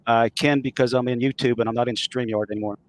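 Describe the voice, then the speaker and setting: A man calling in over a bad internet connection, his voice breaking up and cut into halting pieces by the lag. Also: medium pitch, fairly even intonation. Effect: choppy internet call audio breaking up. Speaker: caller. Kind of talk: casual chat. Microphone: remote call-in.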